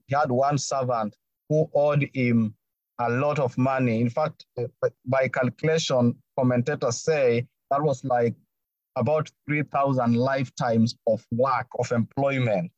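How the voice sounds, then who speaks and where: A man's voice: medium pitch, a little mellow, dry recording. A man preaching a sermon in an emphatic way, repeating his key phrases. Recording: dull lo-fi recording.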